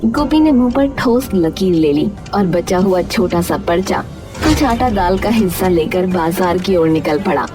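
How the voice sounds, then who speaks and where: A woman's voice: fairly low pitch, animated, a little slow, over music. A woman reading scripted narration for a moral story.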